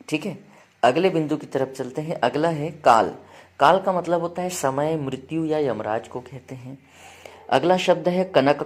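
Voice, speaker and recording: Hindi teacher drilling word meanings. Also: male voice, a little high, a little mellow. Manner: listing word meanings, addresses students as beta; frequent checks like "है ना" and "ठीक है". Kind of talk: exam-prep grammar lesson.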